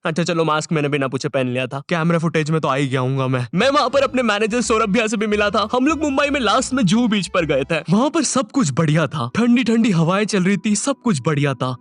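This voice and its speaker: A young man narrating a comic animated travel vlog in a chatty, joking way. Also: sits high, fast, few pauses, no room sound. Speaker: vlogger.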